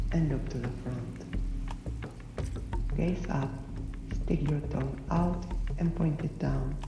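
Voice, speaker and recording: A woman narrating a scripted guided breathing exercise as an instructor, in measured, instructional phrases with short pauses. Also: low-pitched, lo-fi sound. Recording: roomy, distant voice under loud music. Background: loud music.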